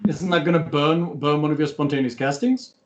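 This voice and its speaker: A man's voice: fairly high pitch, steady tone, fairly quick, lo-fi sound, a little hiss or hum. Man running a casual tabletop game. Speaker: game master.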